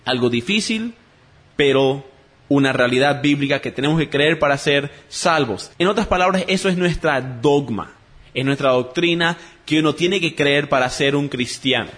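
A man's voice: fairly high pitch, normal speed. Earnest man preaching a sermon. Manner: earnest teaching tone, addresses listeners as brothers; acts out dialogue in a joke with lively voices.

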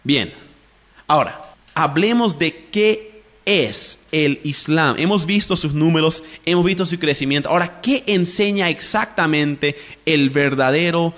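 A man's voice: a little high, lively intonation, a little slow, a bit bright. Didactic man teaching on religious radio. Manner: didactic, spells out words letter by letter; addresses listeners directly. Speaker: radio preacher.

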